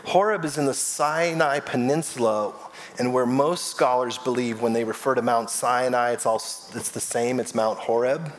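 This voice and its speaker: A man's voice: mid-range voice, steady tone, normal speed, slight background noise. A man, a lead pastor, preaching a sermon in a conversational way and acting out the voices in the story. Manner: grows loud and emotional telling his own story.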